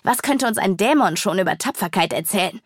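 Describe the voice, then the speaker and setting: A woman's voice: medium pitch, expressive, brisk, dry recording, clean studio sound, close to an everyday voice. A woman reading a curt, snapping guard in an audiobook. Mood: snappish.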